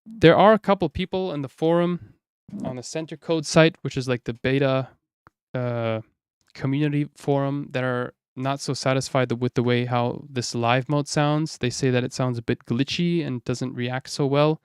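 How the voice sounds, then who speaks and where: A man demonstrating music software in a casual stream, excited and slangy, talking into a studio vocal mic in a home studio. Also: moderate pace, clean tone, no echo. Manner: excited, slangy, thinks aloud. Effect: robotic pitch-shifting auto-tune.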